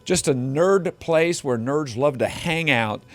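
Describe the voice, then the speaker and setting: A man's voice: fairly high pitch, takes it slowly. A man reporting live on a morning news show from inside a game shop, upbeat and joking with the people he meets. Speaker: field reporter.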